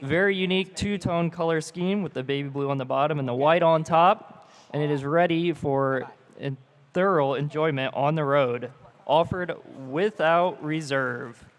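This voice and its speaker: A man announcing auction lots, reading out the details of each car in a steady, informative way. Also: fairly high pitch, moderate pace. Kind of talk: reading lot descriptions.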